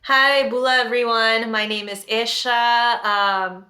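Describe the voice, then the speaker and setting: A woman's voice: a little high, steady tone, slow pace, bright, forceful tone. A young adult woman co-hosting a podcast in a casual, conversational style. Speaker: podcast co-host.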